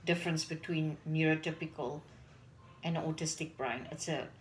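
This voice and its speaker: A native Afrikaans speaker in her forties, this parent vlogger talks earnestly to a phone camera on her kitchen counter while doing chores at home. Her voice is low with fairly even intonation at a normal speed, and she often repeats words while searching for them. The low-quality recording has slight background noise.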